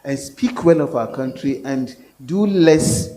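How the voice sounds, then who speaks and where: A man's voice: medium pitch, expressive, takes it slowly, dark tone, a little hiss or hum. A man from Nigeria, a professor speaking at a public forum, earnest and hesitant, with fillers and restarts. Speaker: professor, panel guest.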